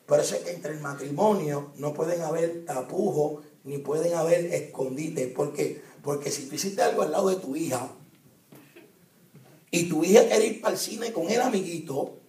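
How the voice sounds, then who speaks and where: A man's voice: fairly high pitch, measured pace, darkish tone. A man preaching a sermon to a youth conference, driving his points home with rhetorical questions to the crowd. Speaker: evangelist preacher. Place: church hall at a youth conference. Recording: roomy, distant church hall recording.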